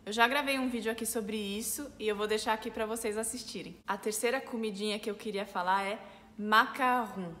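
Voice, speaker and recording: A woman with a Brazilian Portuguese accent, a French teacher, explaining pronunciation clearly step by step. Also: mid-range voice, a little fast, a bit bright, long reverb tail. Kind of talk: pronunciation lesson.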